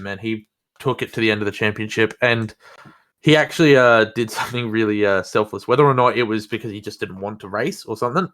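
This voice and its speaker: Male interview guest, fairly low pitch, informal and talkative. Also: fairly bright tone. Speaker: championship-winning sim racer, interview guest. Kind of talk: casual interview recap.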